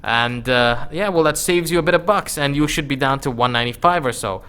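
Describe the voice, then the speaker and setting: A man's voice: mid-range voice, fairly quick, a bit bright, clear, resonant tone. A man giving casual, conversational gameplay commentary as a gaming video host, using informal slang.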